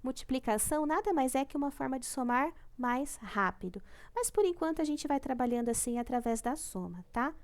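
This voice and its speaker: This young primary school teacher, speaking with a Brazilian Portuguese accent, has a high, expressive voice and moves fairly quickly with few pauses. She patiently goes through homework in a recorded class, drawing out syllables and checking in with "tá?".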